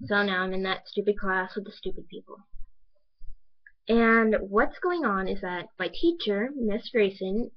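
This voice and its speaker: A teenage girl telling a story in a sarcastic, exasperated casual vlog rant, on a slightly dull lo-fi recording. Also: medium pitch. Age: teens. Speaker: high school student.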